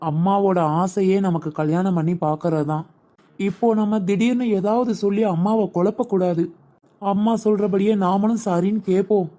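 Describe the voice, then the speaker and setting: A woman voicing a gentle, lovesick young man musing to himself in a cartoon. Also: medium pitch, steady tone, moderate pace, natural voice. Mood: brooding. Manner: soft, brooding inner monologue. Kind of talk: cartoon comedy voice acting.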